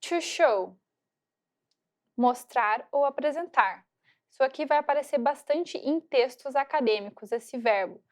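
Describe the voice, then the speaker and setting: A female English teacher gives a recorded lecture, drawing out words slowly in pronunciation drills and checking in with "ok?". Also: high voice, animated. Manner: slow drawn-out repeated pronunciation drills; frequent check-ins with "tá?" and "ok?".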